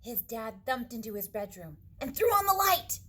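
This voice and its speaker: A woman reading a picture book aloud to children, dramatically, with hushed suspenseful moments and asides to her young listeners. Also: a little high, very animated, normal speed. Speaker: read-aloud storyteller for children.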